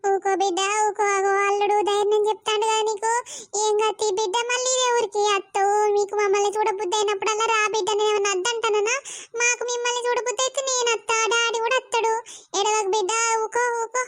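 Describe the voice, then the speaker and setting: A soothing cartoon mother, very high. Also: level tone, fast. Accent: Telangana Telugu. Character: consoling mother of the bride. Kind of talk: cartoon voice acting.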